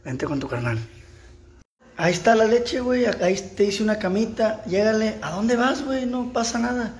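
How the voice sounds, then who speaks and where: A man's voice: sits high, animated, normal speed. A young man with a Sinaloan Mexican accent, vlogging casually at home with a sore throat and talking crudely but kindly to stray cats. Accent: Sinaloan Mexican Spanish. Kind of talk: casual vlog chat. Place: house at home during rain.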